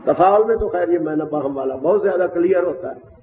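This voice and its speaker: Distant man lecturing in an echoing hall. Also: sits high. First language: Urdu. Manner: explanatory, methodical, pauses often. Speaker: teacher of Quranic Arabic grammar. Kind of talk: classroom lecture. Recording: distant, dull, roomy hall with faint hiss.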